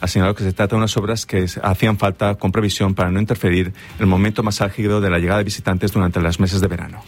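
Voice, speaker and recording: A man the reading a local radio news bulletin in a brisk, steady way. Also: sits low. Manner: brisk, steady newsreader delivery. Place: radio studio. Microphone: studio microphone.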